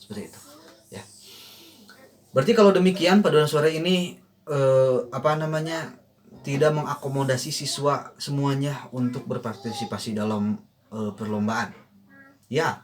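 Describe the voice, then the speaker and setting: A man's voice: mid-range voice, fairly even intonation, moderate pace, long pauses. A man coaching choir in a casual online lesson, thinking aloud with many fillers and briefly singing short lines to demonstrate.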